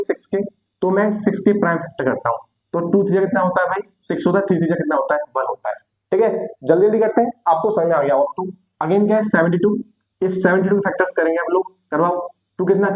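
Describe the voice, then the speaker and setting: A man's voice: high voice, darkish tone, rough recording. A young adult man teaching a maths lesson online, repeating questions and answers and calling students "beta".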